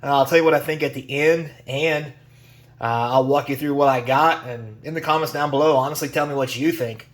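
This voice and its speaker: Man, vlog host, getting over a cold, throat-clearing, chatty, folksy, mid-pitched voice. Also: steady tone, a little fast. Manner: chatty, folksy, airline-captain catchphrases. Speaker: YouTube card channel host. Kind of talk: casual card-opening vlog talk.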